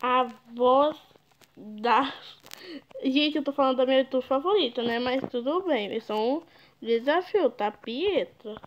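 A woman's voice: sits high, measured pace, lo-fi sound. A young woman, chatting casually and teasing others while she plays a game on stream. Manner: chatty, teasing, exclaims often. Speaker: gaming YouTuber. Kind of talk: casual gameplay commentary.

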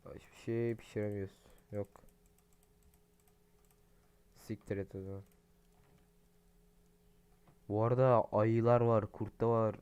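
A young adult man giving casual, profane, excitable commentary while playing a game and talking to his viewers. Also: on the low side, moderate pace, long pauses, clear, resonant tone, highs cut off. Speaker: gaming streamer. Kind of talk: casual let's-play commentary.

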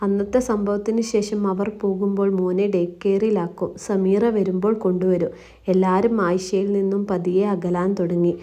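Mellow-voiced woman narrating a story. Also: medium pitch.

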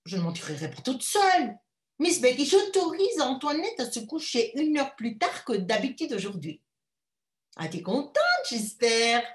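Actress voicing a shrill, bossy rich mother. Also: sing-song, normal speed, roomy sound. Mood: scolding. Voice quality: loud, high-pitched, scolding. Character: shrill domineering wealthy mother, middle-aged woman.

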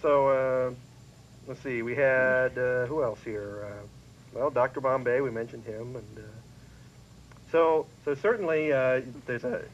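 A man co-hosting a casual chat about old sitcoms, rambling and halting with fillers and restarts. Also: medium pitch. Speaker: co-host. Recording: dull lo-fi 1990s cable recording with faint hiss.

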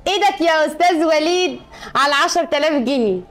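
Comedy sketch: actress as an insistent Egyptian little sister, very high voice, rapid-fire. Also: female voice, a bit bright. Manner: insistent, demanding. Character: young adult sister demanding her bet winnings.

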